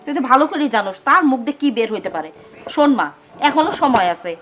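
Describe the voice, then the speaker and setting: A woman's voice: high-pitched, very animated, a little fast, fairly bright tone, faint music behind. A woman with a rural Pabna Bengali accent playing a lecturing, indignant mother-in-law. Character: scolding middle-aged mother-in-law.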